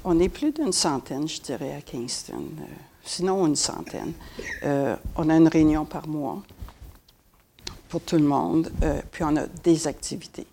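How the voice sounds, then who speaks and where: A woman's voice: low-pitched, a little slow, vocal fry, warm tone, slight background noise. An older woman from Montreal with a Québécois French accent, chatting casually as a panel guest. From Montreal, Quebec. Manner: chatty, many fillers.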